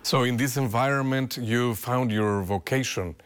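A man interviewing a bishop, asking polite, formally worded questions with frequent halting restarts. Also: medium pitch, clean tone.

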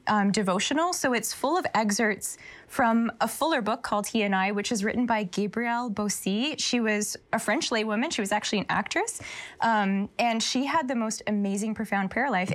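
A woman's voice: on the high side, brisk. A woman who is a religious sister, earnestly explaining a devotional as a guest. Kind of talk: casual explanation.

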